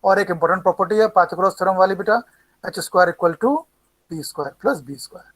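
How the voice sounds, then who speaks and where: Switching between Hindi and English, a high-pitched, slightly bright-voiced man teaches math, naming students one by one and going over every formula slowly for them to commit to memory. The recording quality is rough.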